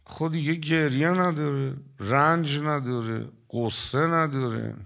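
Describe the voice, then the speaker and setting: An older man giving a sermon to a gathering, telling stories and drawing some words out slowly before rushing through others. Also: a little high, gravelly, fairly bright tone. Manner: storytelling, shifting between slow, stretched emphasis and quick asides. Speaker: preacher. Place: religious gathering with an audience.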